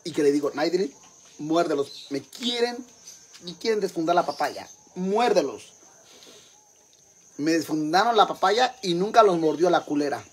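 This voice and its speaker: Someone putting on a loud crude mexican mom, mexican accent, rambling gossip to the sisters, bit of hiss. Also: mid-range voice, lively intonation, measured pace, natural voice. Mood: brash gossip. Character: crude brash Mexican mother, gossipy, boastful. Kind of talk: comic monologue in character.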